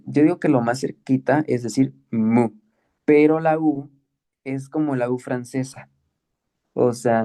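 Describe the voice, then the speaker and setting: A man teaching the Greek alphabet in an online class, patient and slow, often checking with "¿ok?". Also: medium pitch, dark tone. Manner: patient, explains slowly with many checks like "¿ok?" and "¿sí?".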